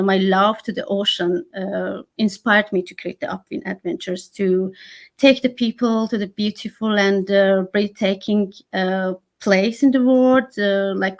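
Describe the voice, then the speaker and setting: Iranian woman, halting earnest speech. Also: mid-range voice. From Iran. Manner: halting, many "uh" fillers, earnest. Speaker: guest. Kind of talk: interview conversation.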